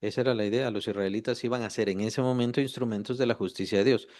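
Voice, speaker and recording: A man's voice: on the low side, steady tone, quick pace, darkish tone. A man leading a Bible study, often repeating key words, rephrasing himself and asking rhetorical questions.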